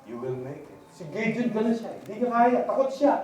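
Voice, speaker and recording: A man's voice: high-pitched, sing-song, brisk, a little mellow, slight background noise. A male pastor delivering a sermon, switching between Tagalog and English and acting out the words of God and Bible figures with sudden rises and drops. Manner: preaching in mixed Tagalog and English, voicing God and prophets dramatically. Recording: echoey hall from far off, faint ambience.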